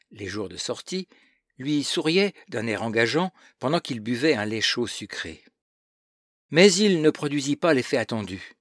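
A man reads a novel aloud with measured, literary narration. His voice is a little husky, mid-pitched, and recorded close and dry. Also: no echo. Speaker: audiobook narrator.

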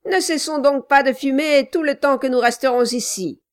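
A woman's voice: high-pitched, moderate pace, pitched above the performer's own voice, close to an everyday voice. A woman reading an audiobook, voicing a malicious, cruel dwarf man who barks orders and taunts with mock sweetness. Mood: bullying.

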